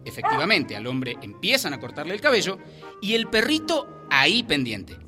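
A man tells jokes on a radio show, with narration that swings through a wide, animated range. His voice sits high, and music plays underneath. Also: normal speed. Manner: lively storytelling with many put-on voices. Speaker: joke teller. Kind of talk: radio joke telling.

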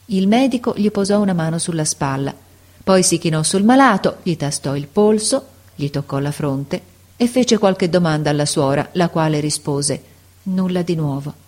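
A woman narrating a classic story as an audiobook, in a measured, sorrowful manner. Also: on the low side, expressive, darkish tone.

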